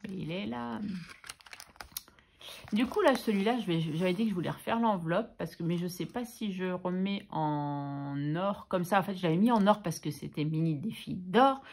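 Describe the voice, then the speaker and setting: A woman's voice: lowish voice, animated, normal speed, darkish tone. A French woman vlogging about her budget, chatting casually and teasing herself while she works, a little under the weather. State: coughing, a bit ill. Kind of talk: casual chatty voice-over while doing crafts.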